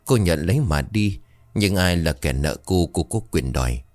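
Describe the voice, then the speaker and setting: A man's voice: sits low, lively intonation, moderate pace, darkish tone, no room sound. A man voicing a stern old female ritual master who commands and chants incantations. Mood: chanting.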